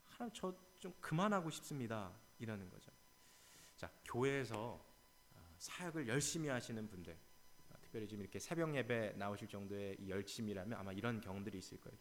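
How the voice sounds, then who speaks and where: Man, pastor, early-morning sermon, lively pitch, mid-range voice, animated. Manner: animated, acts out quotes dramatically.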